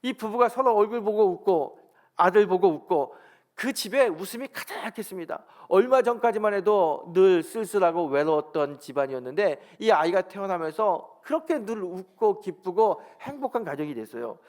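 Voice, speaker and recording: A man's voice: high-pitched, normal speed. A middle-aged man, a senior pastor, giving a Sunday sermon in a church, telling a story, acting out quoted speech and asking his congregation questions. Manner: storytelling, acts out God's words in lively quoted speech; addresses congregation directly with rhetorical questions. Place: church sanctuary.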